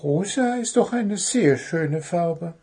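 A man voicing a small, cheeky, excitable blue bird in a storybook reading, in a high chirpy voice. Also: slow, husky, full character voice.

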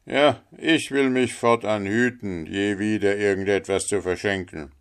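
A man's voice: fairly low pitch, steady tone, unhurried, clean tone. A man voicing a selfish, pompous miller in a storybook reading, self-pitying in tone.

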